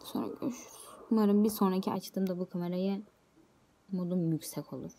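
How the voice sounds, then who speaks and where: A woman's voice: fairly low pitch, steady tone, brisk, mellow. A young woman talking casually to her viewers in a vlog, chatty and addressing them directly. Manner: chatty, speaks straight to viewers. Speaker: vlogger. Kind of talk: casual vlog talk to camera.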